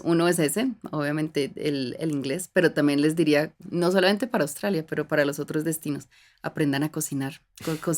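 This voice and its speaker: Una mujer colombiana de unos treinta años, con acento de Bogotá, que conversa como invitada en una entrevista y cuenta sus vivencias con pausas y muletillas. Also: female voice, deep voice. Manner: reflective, warm storytelling with frequent fillers and restarts. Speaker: guest. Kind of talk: casual conversational interview.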